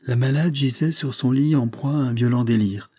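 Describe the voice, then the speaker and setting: A man reading a detective story aloud as scripted narration, in a measured, even way. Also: mid-range voice, slightly rough. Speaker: audiobook narrator.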